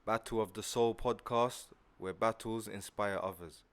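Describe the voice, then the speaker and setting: Low male voice rapping, dry. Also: fairly even intonation, a little slow, clear, resonant tone, no room sound. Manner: rhythmic rapping. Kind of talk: rap intro.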